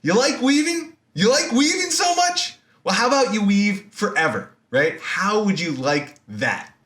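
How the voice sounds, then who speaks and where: A man's voice: fairly high pitch, big pitch swings, takes it slowly, pushed and bright, reverberant, heavily acted. A man voicing the goddess Athena, a proud, vengeful deity, as he retells a myth in a lecture. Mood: mocking threat.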